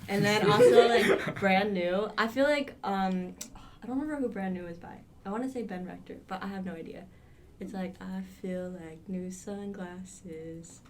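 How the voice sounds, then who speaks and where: A woman's voice: mid-range voice, brisk, a little hiss or hum. Chatty, playful young woman. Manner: chatty, playful, laughs into her words. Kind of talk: casual chat.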